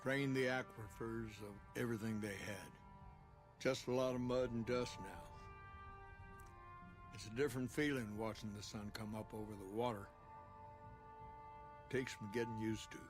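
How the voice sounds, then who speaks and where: An actor playing a weathered older ranger chief in a video game, calm and plain-spoken, speaking in a measured, folksy way with a gravelly voice. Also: male voice, lowish voice, over music, natural voice. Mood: reflective. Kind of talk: video game character dialogue.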